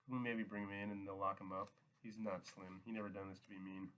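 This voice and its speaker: A man's voice: low voice, little pitch movement, fast talker, a bit bright. A man reading a weary, resigned farmhand. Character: weary, guarded male farmhand.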